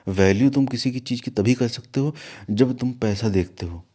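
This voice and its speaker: A man's voice: mid-range voice, moderate pace. A man who runs an ashram, telling a story in an interview and turning to a scolding lecture. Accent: Hindi, from north India. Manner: animated, scolding at times. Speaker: guru of an ashram.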